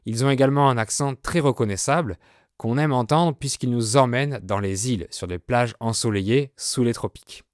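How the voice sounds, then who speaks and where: A French man hosting a podcast lesson, explaining with slow, clear delivery. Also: mid-range voice, dry recording, clean studio sound. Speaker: French teacher, podcast host.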